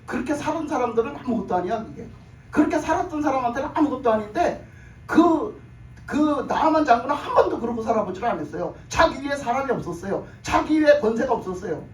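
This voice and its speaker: A man preaches a sermon in a very high voice, retelling a story and slipping into the lines of its characters. He repeats his phrases for emphasis. He is picked up from a distance in an echoing church room, with a faint hum of the room behind him. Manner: acts out characters' speech in the story. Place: church sanctuary. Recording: echoey room, mic at a distance.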